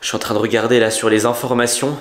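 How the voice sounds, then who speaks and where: A young man in his twenties filming himself in a dark house, talking to his viewers in a hushed, suspenseful voice. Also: mid-range voice, steady tone, fast talker. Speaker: youtuber acting in a home short film. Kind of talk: vlog-style acted sketch narration. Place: dark rooms of a house, indoors. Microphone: phone camera at arm's length. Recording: echoey rooms with background noise.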